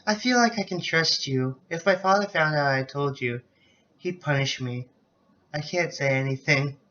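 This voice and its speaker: A man slowly reading the lines of a wary young female student, halting over words. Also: fairly high pitch, bright, forceful tone. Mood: worried. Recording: dull lo-fi recording.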